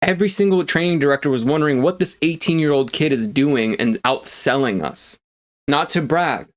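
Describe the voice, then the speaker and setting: A man speaking as a motivational coach in a casual, energetic monologue, emphatic and full of fillers, swearing now and then for emphasis. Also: on the high side, moderate pace.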